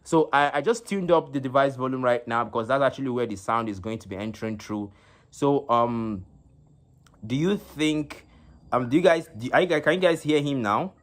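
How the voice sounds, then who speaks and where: A man hosts a live stream commentating an esports tournament, speaking haltingly into a phone with lots of fillers and repeated words. His voice is medium in pitch.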